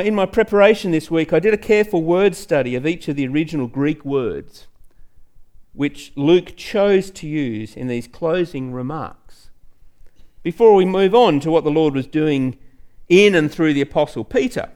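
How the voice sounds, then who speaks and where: Delivering a conversational teaching sermon, a man speaks at a moderate pace in a slightly mellow voice on the high side. He leans on repeated phrases for emphasis and asks the listener rhetorical questions.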